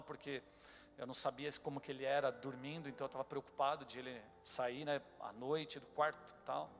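A man's voice: on the high side, vocal fry, a bit bright. A male pastor telling a personal story during a sermon, emotional and addressing the congregation directly. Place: church hall. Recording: long church hall reverb, faint music.

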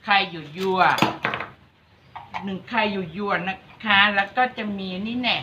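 A woman's voice: mid-range voice, measured pace, background noise. Chatty Isan woman, lo-fi sound. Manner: chatty, teasing, talks straight to viewers. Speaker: vlog host. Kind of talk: casual cooking vlog chat. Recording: dull lo-fi recording.

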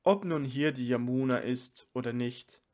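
A man's voice: mid-range voice, a little slow, darkish tone, natural voice. A man reading as a teasing monk companion.

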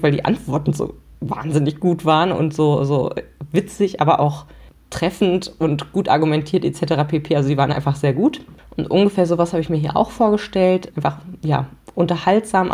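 A podcast host giving a chatty, casual book review, full of fillers. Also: female voice, low-pitched, a little mellow, breathy edge.

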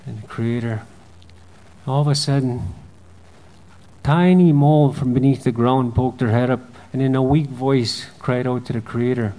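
A man, a mayor giving opening remarks at a symposium, telling a legend in a measured, repetitive storytelling cadence. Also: medium pitch, fairly even intonation, dark tone. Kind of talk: storytelling speech. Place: conference hall. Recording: long hall reverb.

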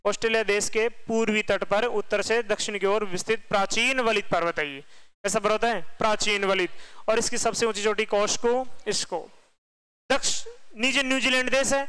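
A man's voice: sits high, fairly even intonation, moderate pace, bright, forceful tone, clean tone, rough recording. A man teaching an exam-prep lecture, asking questions and answering them himself. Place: online class.

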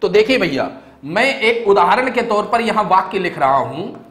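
A man's voice: high-pitched, animated, normal speed, fairly bright tone. A young man teaching a grammar lesson for exam preparation, explaining step by step and often checking that his students follow. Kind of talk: exam-prep grammar lecture. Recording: echoey room.

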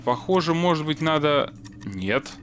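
A man's voice: on the high side, animated, a little slow, fairly bright tone, a little hiss or hum. A man playing a puzzle game with a friend, chatting casually and muttering mild curses as he works things out. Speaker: let's play gamer. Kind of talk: casual co-op gameplay chat.

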